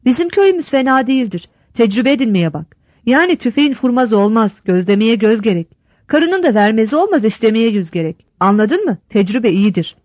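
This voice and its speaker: A blunt old village headman holds forth with homespun sayings, as a woman reads him aloud. His voice sits fairly high and swings widely in pitch. The sound is close and dry. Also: sing-song, brisk, darkish tone, no echo. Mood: lecturing. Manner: lecturing, folksy sayings.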